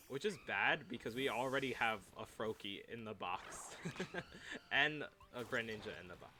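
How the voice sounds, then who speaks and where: A young man chats through a game stream in a bright, forceful voice, teasing his viewers and laughing between lines. Faint music runs softly behind him. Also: mid-range voice. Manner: playful, chatty, reads chat aloud, frequent laughs. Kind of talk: casual livestream chat.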